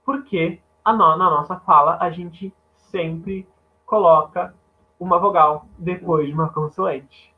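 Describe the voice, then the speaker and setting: Male teacher, fairly high voice, lively rhetorical lecturing, tinny phone-like sound. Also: takes it slowly. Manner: animated, asks the class rhetorical questions. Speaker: Portuguese teacher. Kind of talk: online class lecture. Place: home, online class.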